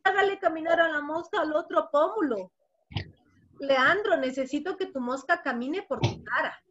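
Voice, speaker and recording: A woman's voice: sits high, normal speed, fairly bright tone, muffled recording. A woman, a preschool teacher telling a playful story and guiding young children in a lesson. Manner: playful, sing-song, with frequent laughs.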